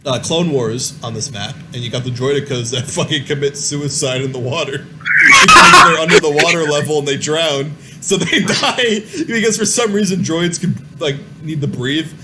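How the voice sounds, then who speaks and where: A man's voice: fairly high pitch, moderate pace, noisy background. A young man in casual gaming chat, rambling with many fillers and restarts. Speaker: podcast host.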